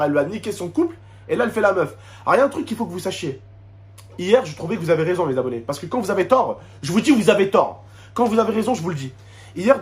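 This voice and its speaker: A man's voice: extremely high pitch, a bit bright. A man with a French suburban street accent, ranting indignantly to his subscribers in street slang with Arabic interjections, repeating himself and asking rhetorical questions. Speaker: YouTuber addressing subscribers. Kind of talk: emotional spoken rant to camera.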